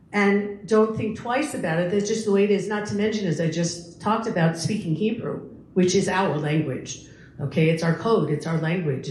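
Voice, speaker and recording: A middle-aged or older woman, appearing as a guest speaker, gives a conversational public lecture explaining her opinions and repeating words for emphasis. Her voice sits on the low side and sounds a little mellow. The room is echoey, with faint background noise.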